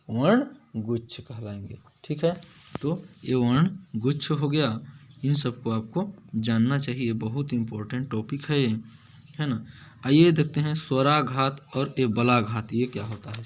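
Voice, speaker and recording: A man teaching grammar in a video lesson. He asks the learners questions, answers them himself, and often adds checking tags. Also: medium pitch.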